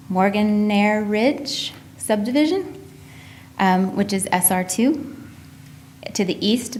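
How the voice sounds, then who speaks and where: A woman's voice: mid-range voice, darkish tone, slight background noise. A woman on planning staff reading out a formal report at a public meeting.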